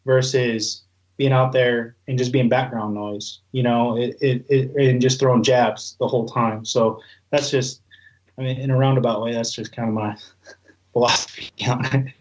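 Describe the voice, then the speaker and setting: Guy rambling casually in an interview, pretty even pitch, kinda muffled recording. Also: moderate pace. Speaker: guest, goose calling expert.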